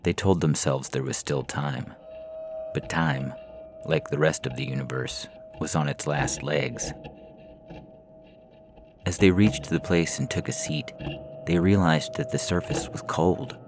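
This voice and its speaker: This scripted science fiction story is read by a man with an extremely low, fry-tinged voice who takes his time and pauses often. Instrumental music runs behind him, as in an audio fiction podcast.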